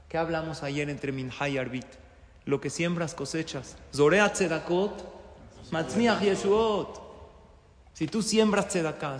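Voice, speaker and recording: A man teaching a Torah class to live listeners in a hall, often asking them rhetorical questions. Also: a little high. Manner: asks the audience rhetorical questions. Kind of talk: religious class lecture. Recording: roomy hall with long reverb.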